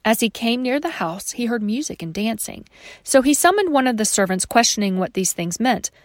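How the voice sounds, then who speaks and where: A woman leads a devotional Bible study in a fairly high voice, recorded close and dry. She tells the story with feeling and sometimes drops to a soft hush. She talks straight to the listener as a friend. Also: moderate pace, dry recording. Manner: warm direct address to the listener as friend; expressive storytelling, dropping at times to a soft hush. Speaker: Bible teacher.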